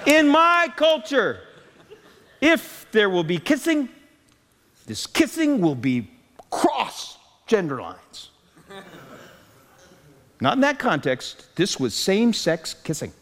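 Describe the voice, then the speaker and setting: A man telling a humorous story in a sermon, animated and jokey, acting out the voices of people he quotes. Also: high-pitched, slow pace, pauses often, big-room sound, slight background noise. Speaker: preacher.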